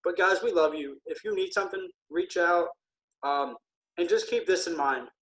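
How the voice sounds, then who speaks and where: A man who is feeling ill, a military veteran speaking earnestly and haltingly with many pauses in a casual podcast conversation. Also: high voice, fairly bright tone, slight background noise, rough recording.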